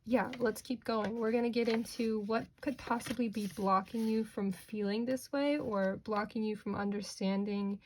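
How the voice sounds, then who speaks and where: A woman's voice: a little high, steady tone, normal speed, hardly any pauses, darkish tone, a little hiss or hum. A woman speaking as a fortune teller, giving an informal, reassuring tarot reading straight to the listener and often checking in with a questioning okay. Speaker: tarot card reader, host.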